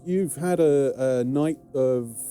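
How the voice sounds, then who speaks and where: A man's voice: mid-range voice, slow, mellow, soft background music. A man with a British accent narrating a tabletop game as game master, hesitant with many fillers. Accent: British English. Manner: hesitant, many ums and restarts.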